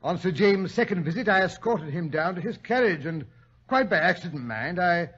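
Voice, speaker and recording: An actor playing a genteel, hesitant British doctor who tells stories in a fussy way, in 1940s radio style. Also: male voice, high voice, lively intonation, moderate pace, a bit bright. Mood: coy. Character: genteel, flustered British doctor, loyal storyteller. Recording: dull lo-fi old radio recording.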